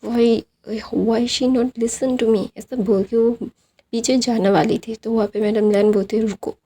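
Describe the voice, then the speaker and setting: A woman's voice: on the high side, fairly even intonation, a little slow, warm tone, slightly rough. A woman casually retelling a fan story, speaking each character's lines in her own voice and mixing in English phrases. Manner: reads out quoted lines of several characters in her own voice, with fillers.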